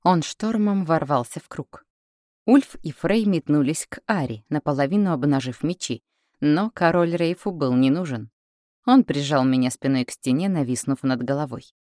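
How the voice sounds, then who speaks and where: A woman narrating a novel in the first person, steady and even. Her voice is unusually deep for a woman. The recording is dry and close, with no room sound. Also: moderate pace, dry recording. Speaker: audiobook narrator.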